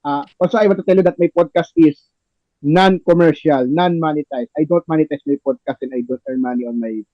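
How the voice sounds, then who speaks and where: A man hosting a podcast narrates a play reading and chats with the cast, his non-native speech halting and full of repetition. His pitch is fairly high, and the recording is dry and lo-fi.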